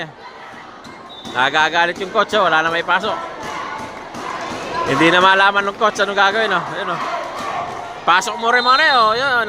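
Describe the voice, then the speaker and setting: A man doing excited, joking play-by-play of a match and shouting on big plays. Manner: shouts and pitch jumps on each play, teasing asides about the coach. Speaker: amateur commentator filming a volleyball match. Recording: loud crowd and background noise.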